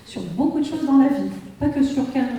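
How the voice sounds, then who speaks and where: A woman's voice: high voice, animated, moderate pace, mellow, recorded from a distance, slight background noise. A woman medium giving a live reading to an audience, checking in constantly with "hein" and "vous comprenez". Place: conference hall before an audience. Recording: roomy hall, voice from afar.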